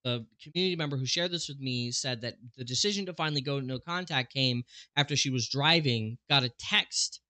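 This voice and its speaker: A man hosting an online talk show, explaining things in a loose, conversational way with plenty of "um"s and restarts. His voice is bright and forward, recorded dry and close with no room sound. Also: medium pitch, no echo. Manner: conversational, frequent fillers and restarts. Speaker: host. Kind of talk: casual commentary on a presentation.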